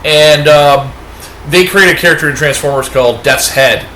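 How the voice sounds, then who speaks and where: A Canadian comic book reviewer chats casually about his comic finds in a rambling, upbeat show-and-tell, full of fillers. His fairly high voice sounds pushed and bright at a normal speed. The echoey room adds a little hiss or hum.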